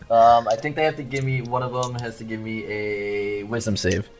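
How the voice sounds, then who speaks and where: A man's voice: mid-range voice, poor audio. A man playing a tabletop game, talking casually through his character's moves.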